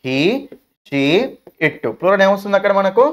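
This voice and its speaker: A man's voice: sits high, normal speed, lo-fi sound. A man with a Telugu accent teaching an English grammar lesson, asking questions and answering them himself. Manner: asks questions and answers them himself, calls students "nanna".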